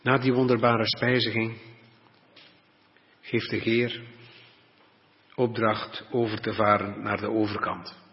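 A man preaching a sermon, reading Bible passages in a deliberate, old-fashioned way and explaining them. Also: fairly low pitch, little pitch movement. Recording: dull lo-fi recording with long reverb.

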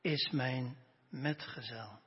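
A man preaching a sermon, reading scripture slowly and earnestly. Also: medium pitch, slightly rough. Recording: dull recording with long hall reverb.

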